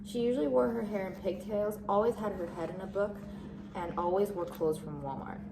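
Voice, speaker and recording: In an amateur dramatic monologue reading, a woman plays a mean, scheming, snobbish teenage cheerleader who is catty, scornful and gloating. Her voice is medium-pitched and natural, and she speaks fairly quickly. The room is echoey, with clear noise present.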